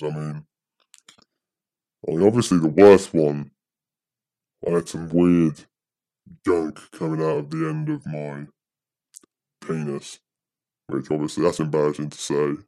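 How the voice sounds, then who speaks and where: A man speaking through a pitched-down voice disguise as an anonymous podcast guest, talking hesitantly and rambling with many fillers. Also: lively intonation, unhurried, pauses often, warm tone, dry recording, studio quality. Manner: hesitant, rambling, full of "you know". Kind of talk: casual chat.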